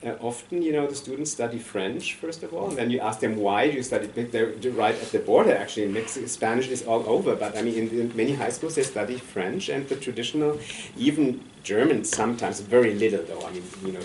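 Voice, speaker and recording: A man's voice: medium pitch, normal speed, a little mellow. Hesitant man, far from the mic. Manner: hesitant, many fillers. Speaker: commentator. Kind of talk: academic discussion. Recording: roomy distant sound with faint noise.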